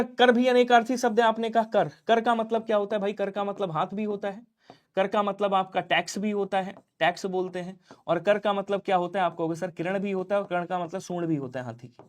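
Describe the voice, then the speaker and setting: A man teaching an exam-prep Hindi grammar lesson, quickly drilling questions and answering them himself in his students' voices. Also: high-pitched. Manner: drills quickly, urging speed.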